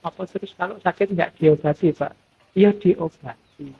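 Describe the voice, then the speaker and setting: A middle-aged man delivers a mosque study lecture in a relaxed, conversational way, his voice gravelly and husky. He sits a little high in pitch. The sound is thin and phone-like. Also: normal speed. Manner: relaxed conversational preaching, acts out quoted voices. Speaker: lecturer on philosophy and Sufism.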